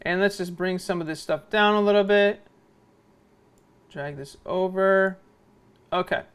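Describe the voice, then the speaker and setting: This video editing instructor speaks a little slowly, his voice high, smooth and clear, as he walks through a software tutorial. He keeps things informal and step by step, often adding small checks that the listener is following.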